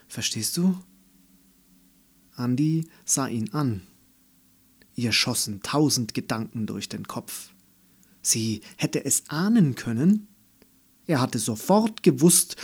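Male narrator for a children's audiobook; calm, slow and slightly husky. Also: mid-range voice.

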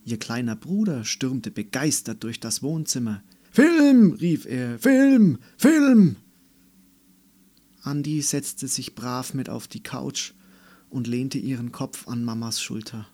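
Male narrator for a children's book, unhurried, calm, mid-pitched. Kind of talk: scripted storybook narration.

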